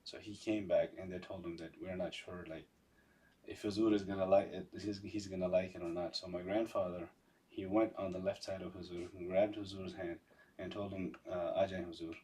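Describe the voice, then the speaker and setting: A man recounting personal memories in a halting, conversational way, often repeating phrases. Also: deep voice, steady tone, mellow, far from the mic. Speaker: podcast guest.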